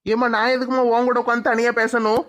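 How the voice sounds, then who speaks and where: A man's voice: very high-pitched, flat delivery, quick pace, a bit bright. A man playing an exasperated husband who grumbles dismissively in a comedy skit.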